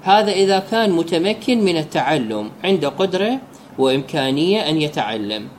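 A man with an Iraqi Arabic accent explaining prayer rules as a religious teacher, slowing down whenever he recites the set formulas. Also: fairly high pitch, sing-song, slight background noise. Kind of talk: jurisprudence lesson.

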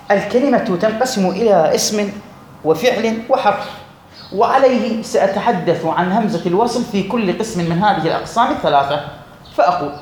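A man teaching a grammar lesson to a class, repeating words slowly and often checking that his students follow. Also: high-pitched, a little mellow. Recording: echoey room, faint noise.

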